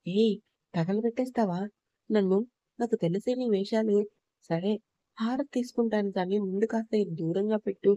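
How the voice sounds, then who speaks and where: A woman's voice: mid-range voice, moderate pace, long pauses, dark tone, no room sound, close to an everyday voice. A woman doing a snappish, short-tempered young man. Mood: irritated. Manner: snappish, impatient.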